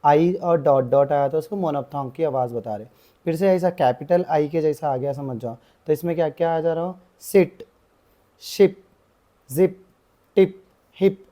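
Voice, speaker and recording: A young man explaining a grammar lesson as a tutor. He uses the same filler phrases again and again and draws out example words slowly. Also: on the high side, dark tone.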